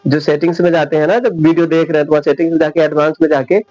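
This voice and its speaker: A man teaching English spelling rules at a whiteboard, repeating each example word slowly and often checking whether his viewers understand. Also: fairly high pitch, flat delivery, a little mellow, highs cut off. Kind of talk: whiteboard classroom lesson.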